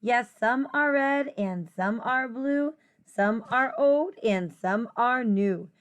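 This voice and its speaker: A high-voiced woman takes a teacher's approach to reading a children's picture book aloud. She paces it slow and careful, letting the rhymes carry an expressive, singsong lilt.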